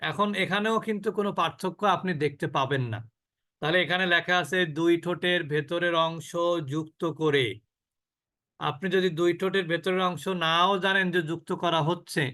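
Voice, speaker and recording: A man with a high voice leads an online recitation class. He draws out syllables slowly to demonstrate them and keeps asking the students questions. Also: steady tone, sharp tone, smooth. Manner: slow drawn-out demonstrations of sounds, asks the class questions. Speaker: Quran recitation teacher.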